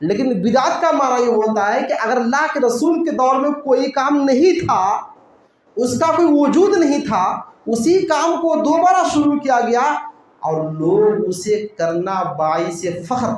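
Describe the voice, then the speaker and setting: A man's voice: extremely high pitch, lively intonation, unhurried. A man giving a religious lecture in a mosque, explaining a point step by step and asking rhetorical questions that he answers himself. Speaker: Islamic preacher. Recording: very echoey room, faint noise.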